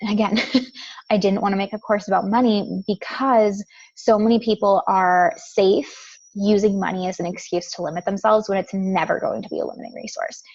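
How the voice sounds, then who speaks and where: A woman's voice: mid-range voice, fairly even intonation, moderate pace, darkish tone, dull audio. A woman giving a spiritual teaching talk as a manifestation coach, earnest and repetitive. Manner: earnest, repetitive, occasional light laughs.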